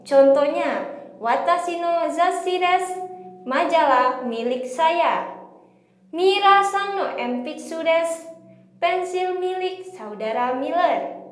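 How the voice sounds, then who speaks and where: A woman's voice: very high voice, animated, takes it slowly. A woman teaching a recorded language lesson, reading example sentences aloud and then translating each one. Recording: echoey room.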